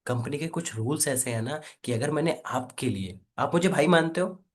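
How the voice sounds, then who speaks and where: ऊर्जावान, ऊँची आवाज़ वाला हिंदी ट्रेनर पुरुष. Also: male voice, a little high. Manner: energetic, coaxing, repeats "right?" and "quickly". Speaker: affiliate marketing trainer. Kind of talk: live online training session.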